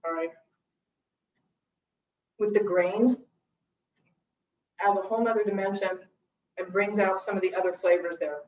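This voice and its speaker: A woman hosts a relaxed cooking lesson, chatting as she tastes each dish and describes its flavors and textures. Her voice sits a little back from the mic in an echoing room, and the streamed audio sounds slightly dull. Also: mid-range voice, unhurried, pauses often. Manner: chatty, tasting and describing food aloud. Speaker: cooking class host. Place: church room. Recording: roomy, dull livestream audio from a distance.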